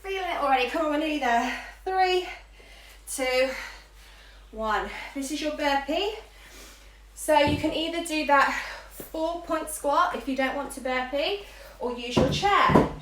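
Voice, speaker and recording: A woman's voice: sits high, measured pace, a bit bright. A woman working as an aerobics instructor, calling out moves and counts in short, encouraging cues during a live workout. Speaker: fitness instructor leading a live workout class. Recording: echoey room, far from mic, faint noise.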